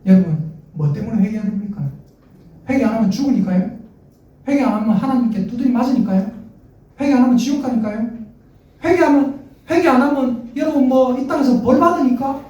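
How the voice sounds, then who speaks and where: A man, animated and playful. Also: very high-pitched, a little fast, dull audio. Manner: animated, playful, quotes his child and God in acted voices. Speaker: pastor. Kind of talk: sermon. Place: large church sanctuary. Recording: echoey sanctuary, distant mic.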